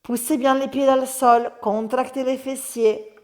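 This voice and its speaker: A woman's voice: high voice, fairly even intonation, unhurried, a little mellow, big-room sound. A woman with an Italian accent leading a Pilates class, giving breathing cues and joking with her viewers. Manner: chatty, joking, encouraging cues. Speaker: Pilates instructor. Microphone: lapel mic in clothing.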